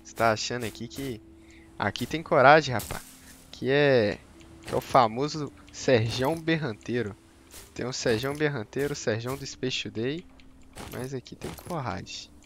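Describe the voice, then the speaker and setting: A man's voice: mid-range voice, normal speed, a bit bright, slight background noise. A man giving slangy, joking gameplay commentary on a live stream and teasing his chat. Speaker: game streamer.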